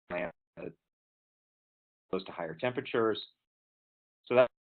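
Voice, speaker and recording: A man giving an online lecture, halting with fillers, his voice cutting in and out over a bad internet connection. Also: low voice. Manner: halting, with fillers and broken-off words. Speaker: presenter. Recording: tinny, phone-like online call audio.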